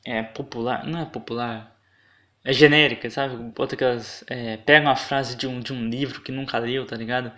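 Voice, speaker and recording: A man's voice: medium pitch, fairly even intonation, brisk, bright, forceful tone. Indignant young Brazilian guy ranting. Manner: indignant and profane, rambling with many fillers. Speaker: podcast host. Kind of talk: casual solo podcast rant.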